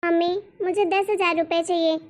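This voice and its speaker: A woman's voice: very high voice, fairly even intonation, a little fast, darkish tone. A woman voicing a spoiled, demanding young college girl in a cartoon story. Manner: whiny and demanding. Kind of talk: cartoon voice acting.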